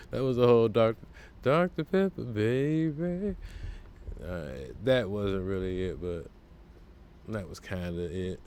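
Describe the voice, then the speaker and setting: Laid-back male podcast host with a deep voice, slow pace, and loose, filler-heavy talk. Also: darkish tone, a little hiss or hum. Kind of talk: casual solo podcast talk.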